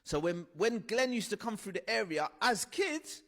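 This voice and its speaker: A man gives a personal testimony talk, telling his childhood story with earnest conviction and acting out scenes as he goes. His voice is high for a man. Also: very animated, normal speed, a bit bright, long reverb tail. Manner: earnest storytelling with vivid re-enactments. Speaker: speaker sharing his life story.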